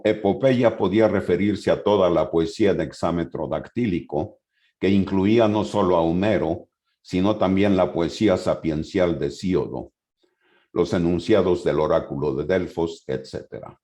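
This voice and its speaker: A man giving a conference lecture, reading passages from his notes and then explaining them loosely, with hesitant pauses. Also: deep voice, dark tone.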